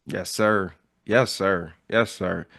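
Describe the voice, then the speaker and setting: A man's voice: low voice, slow, vocal fry, a bit bright, no echo, clean studio sound. A man hosting a podcast in casual chat, opening with upbeat intros and repeated phrases. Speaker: podcast host.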